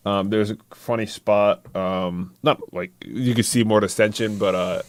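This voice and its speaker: A man's voice: on the low side, steady tone, measured pace, a little hiss or hum. A young man co-hosting a podcast, giving his opinions and calling the moves in order, with lots of ums and yeahs. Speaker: podcast co-host. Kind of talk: casual chat.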